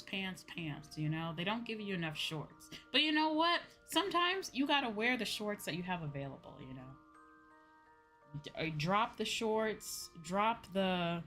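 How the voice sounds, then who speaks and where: A woman streams an online game, chatting casually and thinking out loud as she plays, with "you know" and "like" sprinkled throughout. Her voice is medium in pitch with a sharp tone, and music plays behind her.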